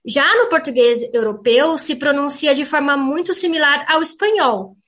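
A woman teacher on a radio program, clearly and didactically explaining pronunciation and saying example words aloud. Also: high-pitched, moderate pace, a bit bright. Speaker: language teacher.

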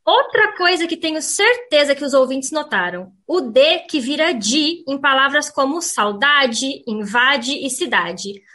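Woman language teacher, high voice, clear didactic radio explanation, demonstrates sounds. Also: lively intonation, normal speed, hardly any pauses, pushed and bright. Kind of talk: explanatory radio talk on pronunciation.

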